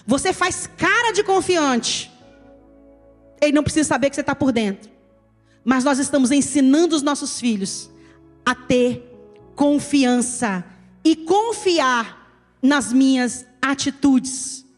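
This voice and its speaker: A woman's voice: sits high, lively intonation, unhurried, pauses often. A woman pastor with a Brazilian accent, preaching an emphatic sermon and addressing her listeners as "querido". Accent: Brazilian Portuguese. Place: church hall. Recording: reverberant church hall with soft music.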